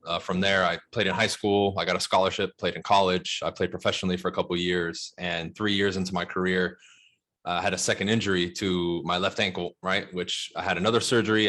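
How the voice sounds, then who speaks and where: A Los Angeles real estate broker in his mid-thirties, with an American accent, talks casually and emphatically as an interview guest. His low, bright voice carries a forceful tone, and he's slangy, often checking in with "right?" and "bro."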